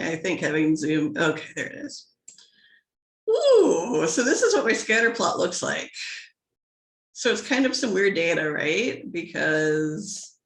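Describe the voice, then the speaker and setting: A woman's voice: deep voice, gravelly, echoey room. A woman teaching statistics in a casual recorded lecture, chatty and playful, interrupting herself and adding little sound effects. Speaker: statistics instructor.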